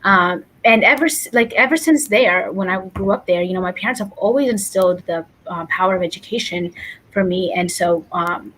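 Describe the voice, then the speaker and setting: A woman's voice: fairly low pitch, normal speed, a bit bright. Earnest young woman from Ethiopia. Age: young adult. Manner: earnest, thoughtful, reflective. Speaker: guest, incoming college student. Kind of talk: interview answers.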